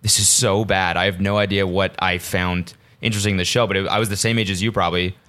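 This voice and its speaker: Man, from Canada, podcast host, low voice, jokey, swears casually. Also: flat delivery, fast, fairly bright tone. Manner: loose, jokey, swears freely.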